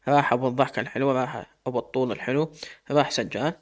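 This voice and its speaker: A man's voice: mid-range voice, steady tone, racing, close to an everyday voice. A man voicing a grieving older mother who wails a lament over her lost son. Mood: wailing. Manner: wailing lament.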